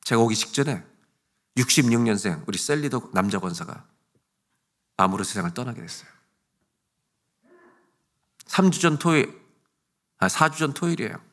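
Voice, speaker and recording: A man preaching as a pastor at a church revival service. He drops to hushed near-whispers, then builds to loud, emphatic lines, and he keeps asking the congregation questions that he answers himself. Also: mid-range voice, animated, normal speed, long pauses. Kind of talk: revival sermon. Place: church sanctuary.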